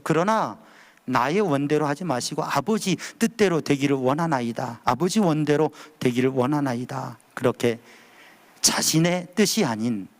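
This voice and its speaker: A man in his fifties preaching earnestly at a dawn prayer service, swinging between high emphatic calls and low hushed phrases. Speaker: pastor.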